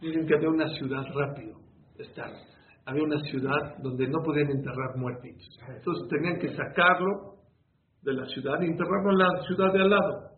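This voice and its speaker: A man delivers a rabbi's sermon, pressing his listeners with rhetorical questions and folding little stories into the lesson. His voice sits fairly high. The recording is thin and phone-like, with a roomy echo. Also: brisk. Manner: preaching with rhetorical questions and storytelling. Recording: echoey, phone-like with faint room noise.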